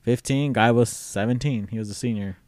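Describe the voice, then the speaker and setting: A man co-hosting a podcast in casual chat, throwing out sassy, deadpan teasing comebacks. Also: mid-range voice, a little fast, no echo. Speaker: podcast co-host.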